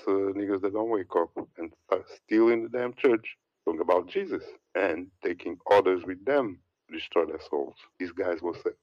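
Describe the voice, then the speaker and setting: A religious commentator with a slightly mellow voice gives a heated, rambling sermon, repeating words and lists and ridiculing others in an affected high voice. The recording is muffled, without echo.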